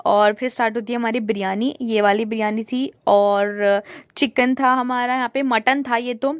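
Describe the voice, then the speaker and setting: A young woman with a high voice narrates her vlog in a chatty, casual way, walking viewers through everything in front of her. The sound is close and dry. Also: fairly even intonation, moderate pace, smooth, no room sound. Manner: chatty, showing things to viewers. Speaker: vlogger.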